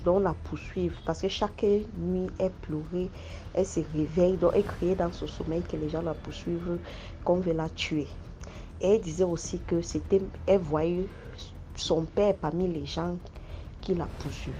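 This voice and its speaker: A native English-speaking man contributes a personal spooky story in French, halting, searching for words, and restarting often. His voice is a little high with a dark tone, and the recording is dull and lo-fi with faint noise.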